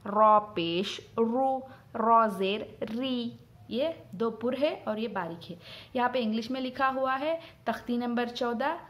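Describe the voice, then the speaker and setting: A woman teaching rules of Quranic letter sounds, explaining patiently and repeating each point, drawing out sound examples slowly. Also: a little high. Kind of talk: Quran recitation rules lesson.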